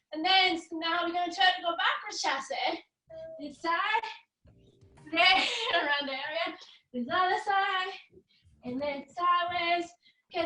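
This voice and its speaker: A woman gymnastics coach leading a live warm-up, calling out short, repeated cues and counts with words of encouragement. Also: extremely high pitch. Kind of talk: live exercise instruction. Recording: roomy echo, distant mic, faint music.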